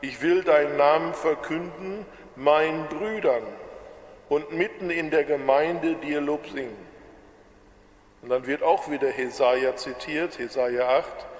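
Slow-preaching man with a Ruhr accent. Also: on the high side, reverberant, in a large hall. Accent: Ruhr German. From Bochum, Ruhr area, Germany. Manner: slow, measured preaching with drawn-out words. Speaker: pastor. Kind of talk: sermon.

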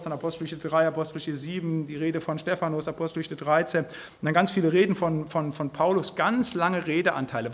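A man giving an informal Bible teaching, earnest and emphatic, tagging his sentences with "halt, nicht?". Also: high voice. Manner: speaks in a loose spoken style, tags sentences with "halt, nicht?". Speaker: preacher.

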